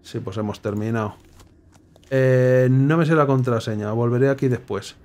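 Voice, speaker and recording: A young man talks his way through a puzzle game, reading clues half to himself and breaking into sudden excited cries when something clicks. His voice sits at an ordinary middle pitch for a man, and the tone stays loose and conversational. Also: moderate pace, a little hiss or hum. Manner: thinks aloud, muttering clues, sudden excited exclamations. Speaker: gameplay streamer. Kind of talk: casual puzzle game commentary.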